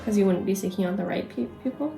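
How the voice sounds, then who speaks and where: A woman's voice: medium pitch, expressive, fast talker, vocal fry, loud music behind the voice. A young woman in casual chat, asking questions and teasing in a dry way. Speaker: co-host.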